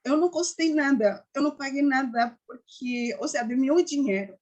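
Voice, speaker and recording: A woman giving an earnest personal faith testimony, often halting and restarting. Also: high voice, a little mellow, muffled recording. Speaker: testimony giver.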